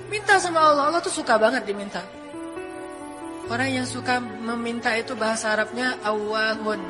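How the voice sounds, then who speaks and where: A man preaching in a casual, humorous sermon, telling stories in an animated, playful way. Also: very high voice. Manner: animated storytelling, playful asides. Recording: reverberant hall with faint music.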